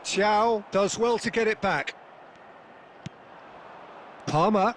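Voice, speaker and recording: An actor playing a football play-by-play commentator in a video game, measured but quick to get excited. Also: male voice, sits high, slight background noise. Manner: measured, rising to excited calls.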